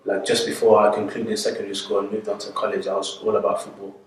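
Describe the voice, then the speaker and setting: A young man in his twenties talks about his past in a rambling, casual way, full of ums and restarts. His voice sits low and fairly flat. He is caught from a distance, with heavy echo and a faint hiss of noise behind him. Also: fast. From born in Italy, raised in England. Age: 20s. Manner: rambling, many fillers and restarts. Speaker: interviewee. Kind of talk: casual street interview. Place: outdoors on a street. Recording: echoey, from far off, faint background noise.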